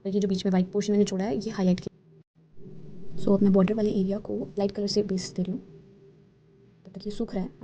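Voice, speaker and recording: Gravelly dark-voiced woman tutor. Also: medium pitch, a little fast, pauses often. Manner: explains steps calmly, mixing Hindi and English. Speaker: art tutorial host. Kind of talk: painting tutorial voice-over. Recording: slightly dull, faint hiss.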